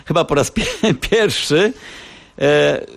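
A man's voice: a little high, sing-song, slow, creaky, dry recording. A man reporting as a radio correspondent, explaining things at length with hesitant fillers and restarts. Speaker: radio correspondent in the United States. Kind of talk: phone-in radio chat.

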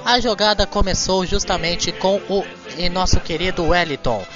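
A man's voice: sits high, moderate pace. A man with a Brazilian accent reporting in live radio football commentary. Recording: dull lo-fi feed, music behind.

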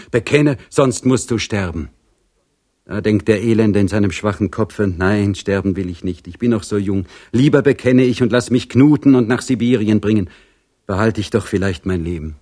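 A man's voice: on the low side, a little mellow, breathy edge, pitched above the performer's own voice. A man voicing an old serf woman, a grieving mother pleading with force and conviction for her son. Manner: pleading, insistent, impassioned.

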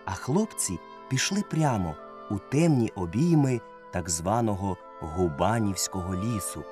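A man narrating a children's story as an audiobook, reading in a lively, expressive way. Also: fairly low pitch, unhurried, faint music behind.

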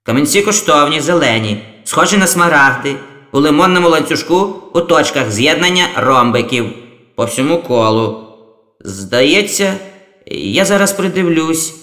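A man's voice: on the high side, lively intonation, normal speed, sharp tone, reverberant, pitched above the performer's own voice. A man voicing a nervous, obedient male doctor who answers eagerly. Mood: dutiful. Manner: dutiful, eager to please.

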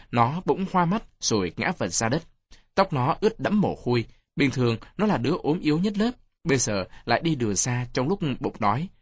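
A man reading a first-person children's story aloud in an expressive audiobook narration. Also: mid-range voice, husky, dry recording. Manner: expressive reading with changing voices.

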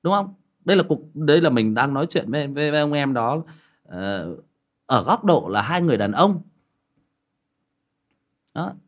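A man's voice: normal speed, pauses often. A man telling a personal story in a casual monologue, acting out the dialogue. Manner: lively, acts out quoted dialogue with pitch jumps. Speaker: storyteller giving relationship advice.

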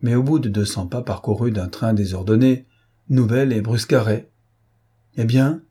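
Low, husky male audiobook narrator. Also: fairly quick, dark tone. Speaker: audiobook reader.

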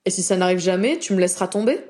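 Young male wizard, sincere, worried, reassuring, mellow tone, a woman reading. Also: medium pitch, expressive, rapid-fire, lightly acted.

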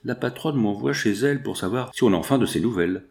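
A man voicing a brisk, complaining young workshop girl. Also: mid-range voice, natural voice.

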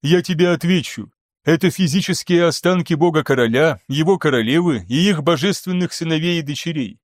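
Man doing a calm quiet expedition leader, measured, slightly high, dry. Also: no echo, lightly acted.

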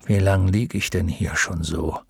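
A man voicing an exhausted, gruff and impatient male centaur physician in an audiobook, speaking in low, curt mutters. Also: fairly even intonation, unhurried, no echo, clean studio sound, exaggerated voice. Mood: grumbling.

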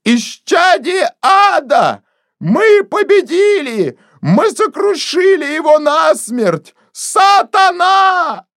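A woman reading an audiobook, voicing a fanatical older woman who shrieks her words in slow, drawn-out cries. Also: extremely high pitch, sing-song, a bit bright, no echo, clean studio sound, pitched above the performer's own voice, exaggerated voice. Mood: shrieking fury.

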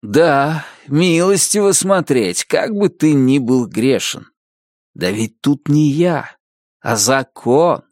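A man voicing a cruel male officer who puts on a soft, sanctimonious tone. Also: mid-range voice, animated, slow, no room sound, clean studio sound. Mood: mock-gentle. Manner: mock-gentle, sanctimonious. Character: sly, cruel male officer feigning kindness.

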